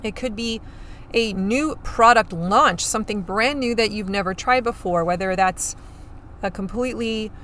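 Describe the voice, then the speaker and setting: Gum in her mouth, a woman chats cheerfully on her solo podcast covering farm marketing. Her mid-range voice is somewhat hoarse and scratchy, a touch bright, and moves at a moderate pace.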